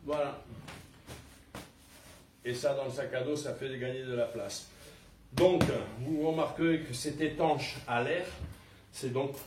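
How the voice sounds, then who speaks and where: A man's voice: medium pitch, steady tone, a little slow, long pauses. Older man chatting with hesitations, distant and roomy. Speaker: pilgrim showing gear. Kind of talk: casual product demonstration. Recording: roomy and distant with faint background noise.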